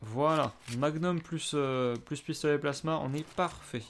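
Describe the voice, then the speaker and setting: A man's voice: fairly high pitch, a little slow, slight background noise. A man commenting live on his own gameplay in a casual, hesitant way, swearing and breaking into sudden exclamations. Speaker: gamer playing and commenting.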